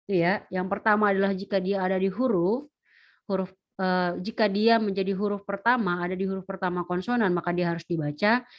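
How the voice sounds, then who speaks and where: A woman lecturer giving an online lesson, explaining step by step and slowing down to sound out words. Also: mid-range voice, fairly even intonation, dull audio.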